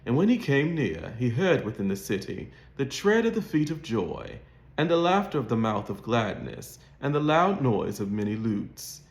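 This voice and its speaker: A man's voice: mid-range voice, big pitch swings, normal speed, vocal fry. A man with a modern Mid-Atlantic accent, reading in a formal, carefully enunciated, scripted literary style. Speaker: host of an accent practice channel. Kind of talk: scripted read-aloud of a literary short story. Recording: roomy, echoing sound.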